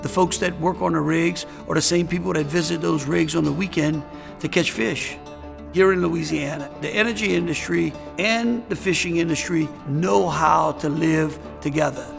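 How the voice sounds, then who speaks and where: Very creaky, higher-pitched man. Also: moderate pace, music in the background. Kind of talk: documentary interview.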